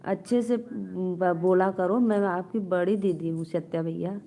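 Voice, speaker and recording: A woman's voice: on the low side, steady tone, measured pace, mellow. A woman with an Awadhi accent hosting a casual live stream from a phone, reading out viewer comments and bantering playfully with them.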